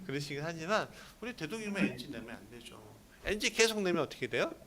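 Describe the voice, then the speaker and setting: A male pastor preaching a sermon, animated and full of rhetorical questions to his congregation. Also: on the high side, fast talker. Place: church hall at a prayer meeting. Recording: echoey church hall, mic at a distance, congregation audible.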